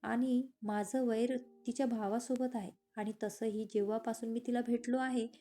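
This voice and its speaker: A woman's voice: on the high side, fairly even intonation, moderate pace, warm tone, faint music behind, close to an everyday voice. A woman voicing a stern, brooding male boss who has given up revenge for love, in an audio story. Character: brooding man, a stern boss turned lovestruck.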